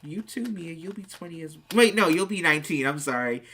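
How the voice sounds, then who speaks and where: A late-teen streamer chats casually on a live stream, reading out viewers' questions and firing back excited answers. The voice is medium-pitched and fairly quick, with a little hiss or hum in the background.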